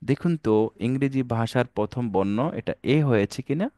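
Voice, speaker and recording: In an online Quran reading lesson, a man speaks to his dear brothers and sisters in a mid-range, dark-toned voice that's expressive and normally paced. He blends English words in and calls out letters to be repeated, and the clean studio recording has no room sound.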